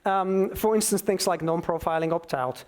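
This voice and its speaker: A man giving an explanatory expert talk, with halting phrasing and emphatic bursts. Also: sits high, clean tone. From Slovakia. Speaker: expert speaker.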